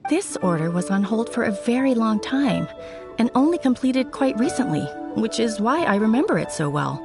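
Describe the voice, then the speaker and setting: A woman's voice: a little high, very animated, normal speed, music in the background. An actress voicing a friendly, helpful young woman broker in a video game.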